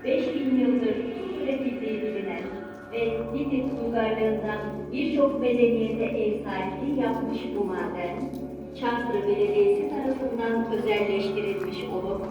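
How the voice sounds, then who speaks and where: Woman's loudspeaker announcement echoing through a cave. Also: on the high side, recorded from a distance, over music. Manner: formal, measured, official. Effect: loudspeaker announcement echoing in a salt cave. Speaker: recorded visitor announcement. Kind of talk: formal scripted announcement. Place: underground salt cave.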